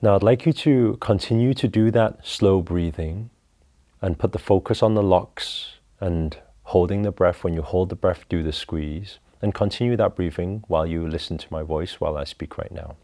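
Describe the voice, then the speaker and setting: A man leading a guided breathing meditation, talking slowly and calmly through each step. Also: low-pitched. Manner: slow, calm, instructive.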